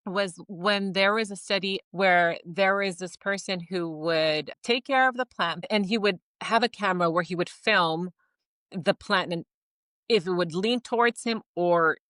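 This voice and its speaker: A woman co-hosting a casual podcast, telling stories in an animated way, laughing often and acting out lines. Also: on the low side, unhurried, no echo, clean studio sound. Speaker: podcast co-host.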